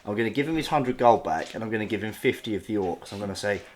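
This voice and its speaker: Animated man playing a tabletop game. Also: lowish voice, fast, a little hiss or hum. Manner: hesitant, repeating words. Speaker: player. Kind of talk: casual tabletop banter.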